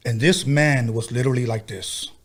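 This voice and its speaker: A man's voice: mid-range voice, normal speed. A man hosting a podcast interview, telling stories casually and mixing in Spanish words. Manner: storytelling, drops Spanish words. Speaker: podcast host.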